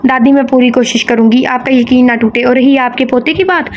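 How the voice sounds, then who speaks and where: Brief: woman voicing an innocent young wife, earnest and plaintive, high voice. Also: steady tone, fairly quick, dull audio, slight background noise, close to an everyday voice. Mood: playful.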